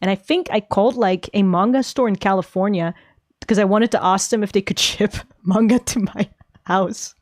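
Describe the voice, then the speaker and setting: A woman's voice: mid-range voice, moderate pace, dry recording, clean studio sound. A young adult woman streaming casual chat, rambling, giggling often and swearing freely. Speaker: VTuber streamer.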